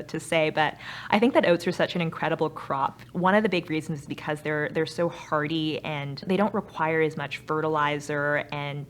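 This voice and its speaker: Speaking in a low voice with slight background noise, a young Canadian woman who grew up in Vancouver explains her own company in an interview. As its founder and CEO, she answers earnestly, and her Canadian accent is clear.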